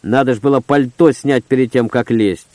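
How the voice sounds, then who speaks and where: A man's voice: medium pitch, normal speed, dark tone, dry recording. A man reading a first-person story aloud in short, terse, gritty phrases. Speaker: audiobook narrator. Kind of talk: first-person audiobook narration.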